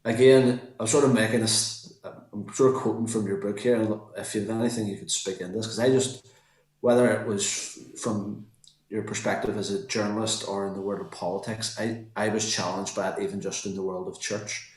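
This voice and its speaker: A man's voice: lowish voice, steady tone, brisk, reverberant, poor audio. A man with a Northern Irish accent hosting a casual podcast, chatty and musing, often repeating himself. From Northern Ireland. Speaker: podcast host.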